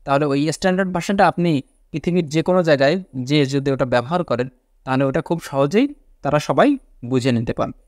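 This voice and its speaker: A man delivers a patient classroom lecture, his voice a touch higher than most men's. He repeats key words, poses questions and answers them himself, and checks often that his listeners follow. The recording is dry, with no room sound. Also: lively intonation, fairly quick, dry recording. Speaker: teacher.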